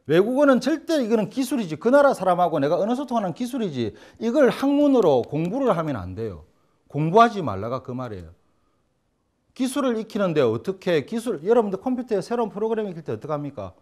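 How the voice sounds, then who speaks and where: A man's voice: on the high side, a little mellow. A man teaching a lecture on learning Chinese, blunt and joking, acting out examples in funny voices. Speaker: Chinese language instructor. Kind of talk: lively classroom lecture.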